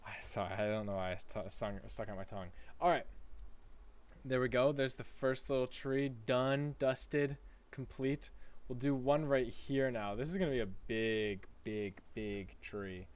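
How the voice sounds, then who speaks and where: A man from the United States chats casually on a gaming livestream, playfully reading chat aloud and laughing often. His voice is medium-pitched and smooth, and he speaks at a measured pace.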